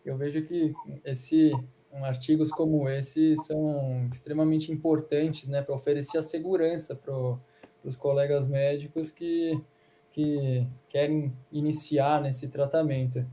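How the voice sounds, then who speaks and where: A man with a Brazilian accent hosting a live webinar, speaking in a measured way. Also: a little high, fairly even intonation, mellow, slight background noise. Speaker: host.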